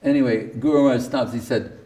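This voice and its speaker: Far from the microphone, a man speaks quickly in a mellow, mid-range voice. He shares his guru's teachings in a casual spiritual talk full of anecdotes, quotations from others, and dry, wry asides.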